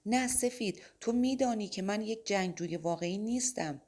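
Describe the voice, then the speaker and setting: A woman's voice: lowish voice, gravelly, a little mellow. Woman voicing an anxious young warrior man. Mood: pleading. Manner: urgent, raised and pleading. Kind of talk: audiobook character voice.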